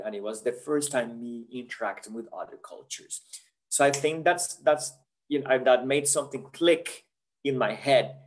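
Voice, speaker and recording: A man presents a career webinar over a video call. His pitch sits at an ordinary middle height as he talks in an earnest, chatty way and checks in with the audience through little tag questions. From Colombia.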